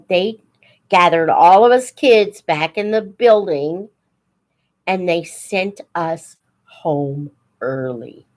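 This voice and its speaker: An American woman in her seventies hosts a live stream, reminiscing informally in a fairly low voice. She's halting and reflective, stopping mid-sentence and voicing dialogue she remembers.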